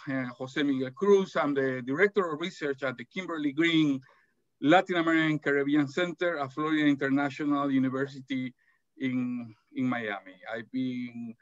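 A man's voice: a little high, steady tone, normal speed, no room sound. A middle-aged man from El Salvador moderating and presenting in an academic webinar, speaking hesitantly with many fillers and restarts, from an office over a video call. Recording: dull, dry video call audio.

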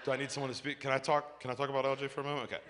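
A male pastor preaching a lively sermon, telling personal stories and acting out the voices in them. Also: mid-range voice, rapid-fire, background noise. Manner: animated storytelling, acts out voices, shouts and laughs.

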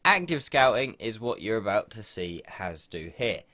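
With a lowish, sharp-toned voice that runs sing-song at a moderate pace, a young man with a stuffy nose from a cold comments on a game replay for his gaming channel. His explanations of tactics are casual and rambling, thick with ums.

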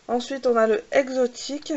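A beauty vlogger hosts a casual makeup swatch video in a high, steady, darkish voice over dull audio. She talks hesitantly, filling pauses with "euh" and repeated "voilà," and keeps dropping little asides, including self-mocking jokes about her English pronunciation.

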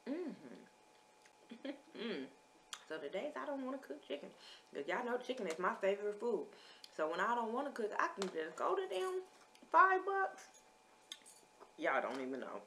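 A woman's voice: a little high, sing-song, moderate pace, long pauses, pushed and bright, a little hiss or hum. A woman vlogger, chatting casually as she lists menu items and reviews food. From American.

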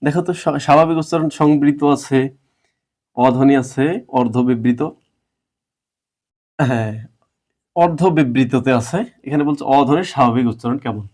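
A man's voice: medium pitch, moderate pace, long pauses, a little mellow. Guy teaching grammar, asks the class questions, walks through it step by step. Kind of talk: grammar lesson.

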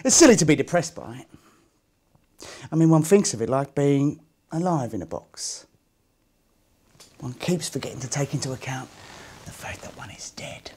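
A man's voice: medium pitch, animated, normal speed, pauses often, a little mellow, husky. An actor in his thirties playing a chatty, musing Cockney gangster in a dramatic monologue, wry and conversational. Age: 30s. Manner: conversational, musing, swinging between muttering and exclaiming.

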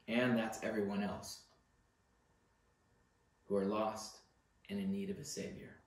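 A man's voice: lowish voice, flat delivery, unhurried, gravelly. A middle-aged man preaching a sermon as pastor, earnest and pressing key words, recorded from a far camera in a library room. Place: church library room with bookshelves, indoors. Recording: very echoey room.

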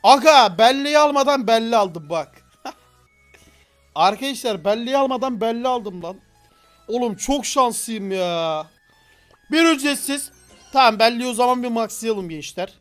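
Very high-voiced excitable male streamer. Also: measured pace, faint music behind. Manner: excitable, slangy, often bursts into shouts and laughter. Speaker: game streamer. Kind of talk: live gameplay commentary.

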